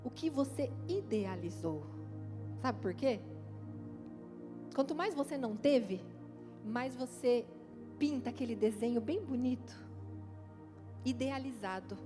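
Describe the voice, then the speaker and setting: A middle-aged woman pastor from Brazil, preaching at a church conference in a lively, playful way and speaking straight to the congregation. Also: a little high, measured pace, pauses often. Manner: lively and playful, acts out quotes, talks straight to the crowd. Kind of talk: conference sermon. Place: church hall, live event. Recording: long hall reverb with faint music.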